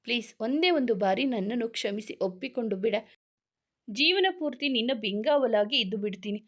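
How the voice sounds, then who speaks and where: A woman's voice: fairly high pitch, moderate pace, lightly acted. A woman reading the lines of a tender young man who earnestly begs his love's forgiveness in a romance story. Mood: pleading. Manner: earnest, apologetic pleading.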